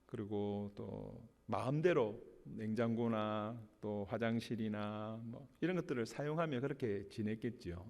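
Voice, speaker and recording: A man's voice: lowish voice, measured pace, creaky, few pauses. A man pastor giving a sermon, telling a personal story in an easygoing, anecdotal way. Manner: storytelling with warm anecdotes and light laughs. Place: church sanctuary. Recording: long hall reverb from the church.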